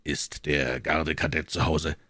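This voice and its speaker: A man voicing a sinister cloaked stranger who speaks low, quiet and clipped. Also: level tone, measured pace, no room sound, clean studio sound, heavily acted. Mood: cold. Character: sinister cloaked male stranger, cold and curt.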